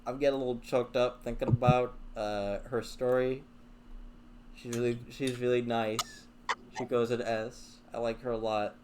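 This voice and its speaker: Casual rambling man, mid pitch, laughs a lot, noisy mic with clicks. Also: level tone, normal speed. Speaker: host. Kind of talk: casual chat.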